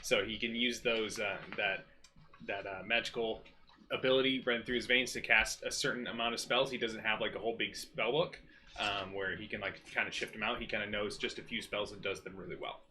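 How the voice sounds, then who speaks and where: A man's voice: lowish voice, steady tone, fairly quick, sharp tone, a little hiss or hum. A man, a player in a tabletop game, chatting loosely about his character with plenty of fillers.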